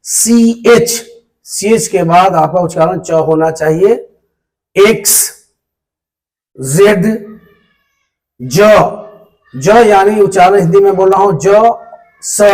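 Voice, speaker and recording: A man teaching an English pronunciation lesson to pupils, slowly repeating and spelling out sounds. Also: high voice, darkish tone, low-quality recording.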